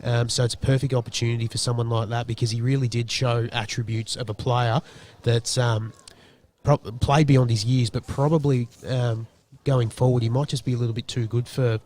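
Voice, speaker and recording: A man's voice: mid-range voice, a little mellow. Rambling Australian male football commentator. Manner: loose and rambling, many ums and restarts. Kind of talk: post-match commentary chat.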